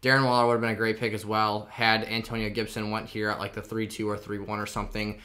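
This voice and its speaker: A man's voice: on the low side, level tone, fast, sharp tone. A man hosting a casual fantasy football draft video, talking with a sore, swollen mouth after having his wisdom teeth out. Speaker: video channel host.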